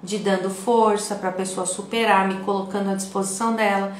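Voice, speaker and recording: A woman's voice: medium pitch, steady tone, brisk, slight background noise. A woman with a Brazilian Portuguese accent giving an online video lesson in a conversational way, often checking in with the viewer. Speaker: instructor. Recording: echoey room.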